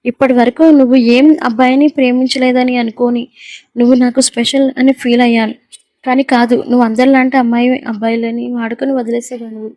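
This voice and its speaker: A woman's voice: on the high side, level tone, fast talker, darkish tone, no room sound, clean studio sound, lightly acted. A woman voicing a callous, scornful young man who taunts his lover, in a read-aloud audio story. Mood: contemptuous. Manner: taunting and contemptuous.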